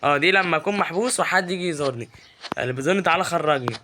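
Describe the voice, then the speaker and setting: Fast-talking Egyptian gamer, a touch higher-pitched, teasing and excitable, with steady clicking noise behind him. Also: male voice. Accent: Egyptian Arabic. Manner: excitable and teasing, yells at game characters. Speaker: gaming YouTuber. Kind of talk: live gameplay commentary.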